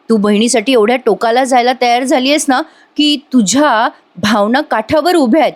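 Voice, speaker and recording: A woman's voice: fairly high pitch, close to an everyday voice. A woman reading out the lines of a hurt young husband who pours out his grief and reproach. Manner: wounded, reproachful, heartfelt.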